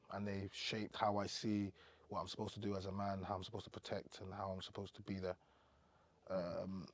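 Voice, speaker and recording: Low-voiced man telling his story. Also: no echo. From Cameroon. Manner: relaxed, rambling storytelling with many fillers. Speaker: podcast guest. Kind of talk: casual interview chat.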